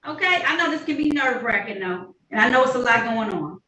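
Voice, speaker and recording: A woman's voice: on the high side, animated, brisk, sharp tone, slight background noise. A woman presiding as a judge, firm but kindly, heard on a courtroom recording. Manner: firm but kindly, repeatedly addressing the defendant by name. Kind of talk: presiding over a court hearing. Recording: echoey courtroom recording from a distance.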